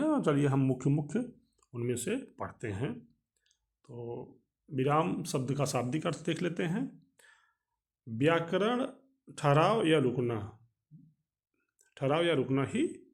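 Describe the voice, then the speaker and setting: A man teaching a grammar lesson, explaining step by step in a measured way with frequent pauses. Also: a little high, creaky, a little mellow.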